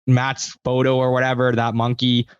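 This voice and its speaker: A man's voice: mid-range voice, completely flat delivery, normal speed, clear, resonant tone, dry recording, lo-fi sound. A man hosting a podcast, speaking in an encouraging way as he praises his guest and wraps up the show. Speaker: podcast host. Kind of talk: casual interview chat.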